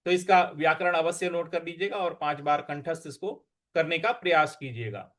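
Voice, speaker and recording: A man's voice: a little high, normal speed, a bit bright. A man teaching scripture, patiently spelling out syllables and stresses and chanting the verses. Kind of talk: slow recitation and explanation lesson.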